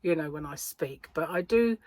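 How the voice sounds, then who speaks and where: A British woman with a slightly low voice talks in a casual, meandering vlog style. She has a slight speech impediment, so the odd word does not form cleanly. The sound is close and dry, and her manner is chatty and self-deprecating. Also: lively intonation, normal speed, a little mellow, dry recording. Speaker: crochet vlogger and yarn shop owner. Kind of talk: casual rambling vlog chat.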